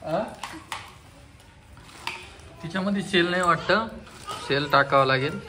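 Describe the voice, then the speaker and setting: A man's voice: on the high side, unhurried, pushed and bright. A man chatting playfully at home for his family vlog, coaxing the children as he films. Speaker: family vlogger. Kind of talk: casual home vlog chat. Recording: noisy home phone recording.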